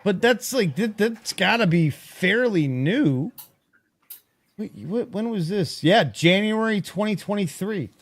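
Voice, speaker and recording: A man co-hosting a casual podcast chat, excitable and quick to exclaim. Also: high voice. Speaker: podcast co-host.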